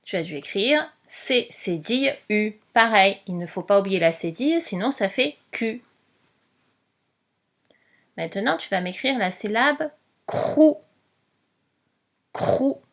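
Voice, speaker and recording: A woman teacher reads a dictation at a very slow, deliberate pace. She patiently spells out each letter one at a time, her voice sitting at an ordinary middle pitch. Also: expressive, a bit bright.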